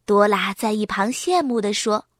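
A woman narrating a children's storybook in an expressive, storytelling way. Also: mid-range voice, normal speed, dry recording, clean studio sound.

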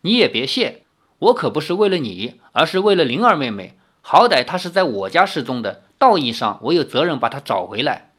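A reader voicing a proud, sharp-tongued young swordswoman in an audiobook of a novel, mocking and quick to take offense. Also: medium pitch, sing-song, slightly rough. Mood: haughty. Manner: quick-tempered, mocking and sulky. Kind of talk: audiobook reading.

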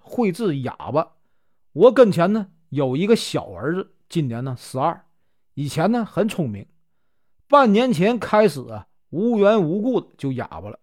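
A man with a Northeastern Mandarin accent voicing a courteous, grateful elderly landlord who speaks deferentially. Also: high voice. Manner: polite, deferential.

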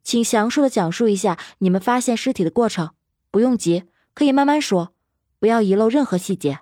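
A woman doing a sharp-tongued rookie policewoman. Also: a little high, expressive, no echo, studio quality, close to an everyday voice. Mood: official. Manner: scolding, brisk. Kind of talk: audiobook drama acting.

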